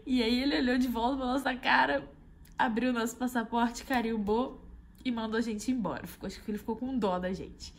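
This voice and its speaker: A young Brazilian woman casually telling a travel anecdote, animated and often addressing her viewers directly. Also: a little high, brisk. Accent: Brazilian Portuguese. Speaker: travel vlogger. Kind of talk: casual storytelling.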